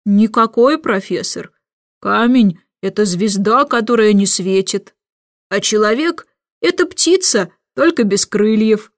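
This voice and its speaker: A woman's voice: medium pitch, lively intonation, measured pace, no room sound, studio quality. A woman voicing a carefree, cheerful king who answers easily and sings little verses. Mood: easy.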